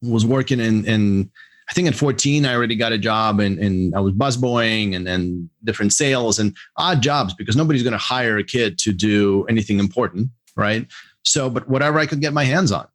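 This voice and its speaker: Man from Russia, halting interview answers. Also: fairly low pitch. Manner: halting, restarts, animated bursts. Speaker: podcast guest, executive coach.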